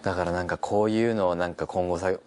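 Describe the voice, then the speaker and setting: A man's voice: deep voice, fairly even intonation, fast talker, darkish tone, a little hiss or hum. A young man giving casual, reflective comments in an interview style.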